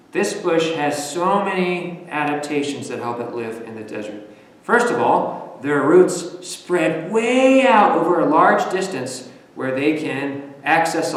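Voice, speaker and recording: A young man from the western United States, an educator teaching children on a virtual field trip in a lively, questioning manner. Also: a little high. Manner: animated, speaking to children with questions. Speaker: nature center educator. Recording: echoey, distant, long reverb.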